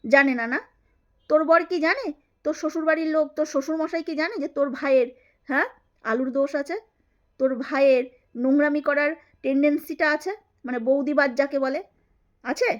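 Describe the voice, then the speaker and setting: Woman, high-pitched, taunting, scolding, repetitive jabs. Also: steady tone, a little fast, pauses often, muffled recording. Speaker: YouTube creator. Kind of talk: angry callout monologue to camera.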